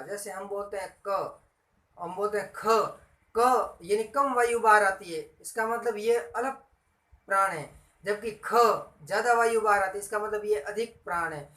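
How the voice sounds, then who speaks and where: A man's voice: high voice, pushed and bright, distant mic. A man giving a grammar lesson who keeps repeating points and quizzing his listeners with questions. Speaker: Hindi grammar teacher. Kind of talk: classroom-style grammar lesson. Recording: echoey room, voice off-mic.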